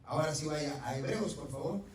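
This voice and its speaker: A male pastor preaching a sermon in a church, swinging from loud emphatic passages to quiet asides and asking the congregation direct questions. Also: on the high side, fairly quick, recorded from a distance. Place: church sanctuary. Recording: very echoey church hall, mic from afar, faint noise.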